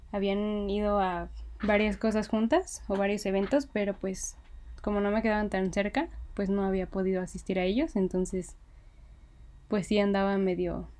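A young woman with a Mexican Spanish accent casually telling a story, excited, laughing often and using many fillers. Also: medium pitch.

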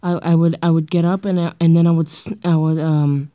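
Young girl, low-pitched, stuffy nose, hesitant casual podcast rambling, self-deprecating, dull lo-fi dictaphone recording, dry close sound. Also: level tone, fairly quick, dry recording. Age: child or young teen, around sixth grade. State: stuffy nose from being sick. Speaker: amateur podcaster. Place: indoors on a bedroom floor, late at night. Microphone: handheld voice recorder.

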